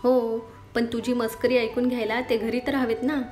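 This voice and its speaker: A woman's voice: on the high side, level tone, normal speed, darkish tone, echoey room, faint music behind, natural voice. A woman voicing a friendly hostess.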